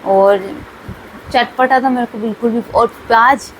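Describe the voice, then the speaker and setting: A woman's voice: a little high, steady tone, a little slow, low-quality recording. A young woman vlogger telling her own story in a casual, chatty way, repeating herself often. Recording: faint background noise.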